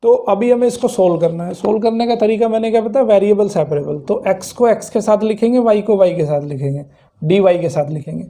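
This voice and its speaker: Male math tutor, high-pitched yet very mellow, patient step-by-step lecturing. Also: fast talker. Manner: explains step by step, asks and answers own questions. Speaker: math teacher. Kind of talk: classroom lecture.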